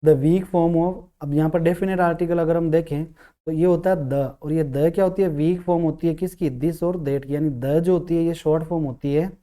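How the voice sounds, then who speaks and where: A man teaching an English grammar lesson, explaining step by step, asking himself questions and sounding out syllables slowly. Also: on the high side, steady tone, warm tone.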